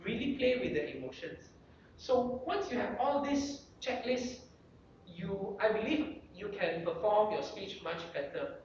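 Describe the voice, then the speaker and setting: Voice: mid-range voice, unhurried. A guest speaker coaches a club meeting on speech craft, posing checklist questions with a voice that rises and falls a lot. The sound is distant and dull, as if caught from across a hall. A strong echo and faint noise sit behind it. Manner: animated coaching delivery, rhetorical checklist questions. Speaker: guest speaker giving public speaking tips. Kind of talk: motivational speaking workshop talk. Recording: very echoey room, distant dull lo-fi mic.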